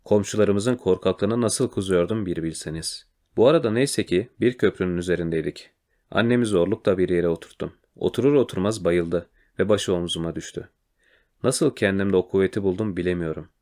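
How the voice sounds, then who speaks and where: A narrator with a very low, deep voice reads a children's adventure story aloud from a storybook. His delivery is quiet and measured, staying calm and steady throughout.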